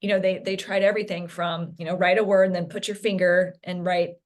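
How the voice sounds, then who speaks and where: A woman speaking as an interview guest, a parent recounting her son's health journey in an earnest, halting way with frequent restarts. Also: fairly low pitch, flat delivery. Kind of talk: candid interview conversation.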